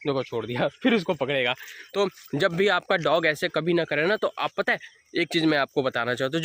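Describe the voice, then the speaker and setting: A man's voice: a little high, a bit bright, slight background noise. A young man walking his dog outdoors, chatting casually as he explains training tips and calls to the dog. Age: young adult. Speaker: dog owner vlogger. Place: outdoors on an evening walk by fields.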